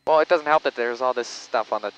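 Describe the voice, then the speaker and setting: A man's voice: mid-range voice, fast, a bit bright, slight background noise, poor audio. A man piloting a small plane, chatting casually in the cockpit. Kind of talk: casual chat.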